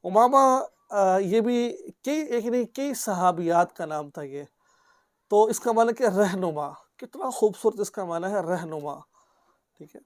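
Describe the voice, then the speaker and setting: A male Islamic cleric teaching a lesson, repeating each word slowly for its pronunciation and often checking with an "okay?". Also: high voice, lively intonation, no room sound, clean studio sound. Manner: gently advising, earnest. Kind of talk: religious teaching video.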